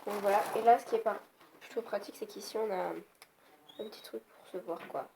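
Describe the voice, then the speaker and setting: A young beauty vlogger gives a casual, rambling makeup tutorial at home and gets annoyed easily. She speaks fairly quickly with a medium pitch and steady tone, while passing cars are faintly heard in the background.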